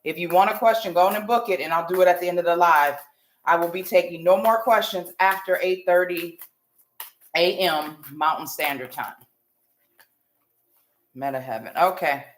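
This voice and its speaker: A woman's voice: on the low side, normal speed, pauses often. An American woman giving a casual psychic hotline style tarot reading on a livestream, informal and slangy, speaking straight to her viewers. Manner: informal, familiar, addressing viewers directly with slang. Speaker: tarot reader hosting a live stream. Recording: roomy echo with light background noise.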